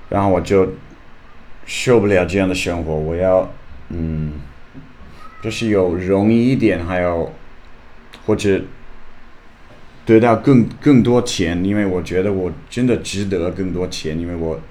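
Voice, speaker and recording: Deep-voiced foreign man speaking slow Mandarin. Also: warm tone. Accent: foreign, non-native Mandarin. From Australia. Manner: halting, searching for words, simple learner phrasing. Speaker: podcast host. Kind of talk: casual personal monologue.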